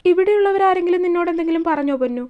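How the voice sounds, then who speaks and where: A brusque young man, curt and scolding yet protective, as a woman reads him aloud. The voice stays high and light for a man. He clips his words short and hard. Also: racing, darkish tone. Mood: firm.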